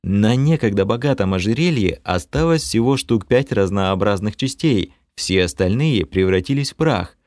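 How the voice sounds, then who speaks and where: A man reading a fantasy audiobook in the first person, animated and expressive. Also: on the low side, normal speed, few pauses, no room sound, studio quality. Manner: animated reading with lively shifts of tone. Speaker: audiobook narrator.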